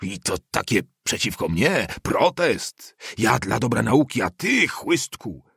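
A man's voice: extremely low pitch, huge pitch swings, slow pace, sharp tone, breathy edge, no room sound, studio quality, voice pushed down, full character voice. A man voicing a spiteful, pompous history teacher who sputters with venom. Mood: spluttering rage.

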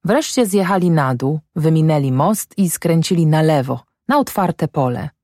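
Female narrator, low-pitched, dry, measured classic audiobook read. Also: expressive, a little mellow, no echo.

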